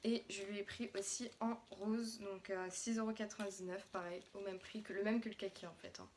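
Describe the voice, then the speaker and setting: A woman's voice: medium pitch, steady tone, brisk, darkish tone, a little hiss or hum. A young French woman, a mother, chatting casually through a haul of her daughter's clothes with plenty of fillers and restarts.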